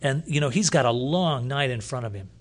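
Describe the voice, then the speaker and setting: A man preaching a sermon, retelling a scripture story with lively storytelling and loud bursts when he reads from the text. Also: medium pitch, a little fast. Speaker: pastor.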